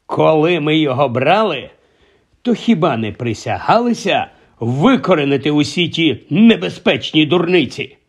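A man voicing a blustering middle-aged uncle in an audiobook, low, gruff and hoarse. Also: sing-song, normal speed, highs cut off, exaggerated voice. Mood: grim. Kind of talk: audiobook character voice.

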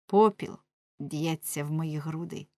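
A woman playing a bold young storybook hero, loud and forceful as he denounces a killer. The sound is dry and close. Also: deep voice, a little slow, gravelly, dry recording. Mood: accusing. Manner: forceful, declaiming. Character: young male prankster hero, bold and accusing.

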